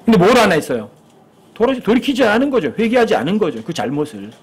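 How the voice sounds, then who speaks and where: A man's voice: sits high, big pitch swings, fast, slightly rough. A male pastor preaching a sermon in church, talking conversationally and asking his listeners frequent rhetorical questions.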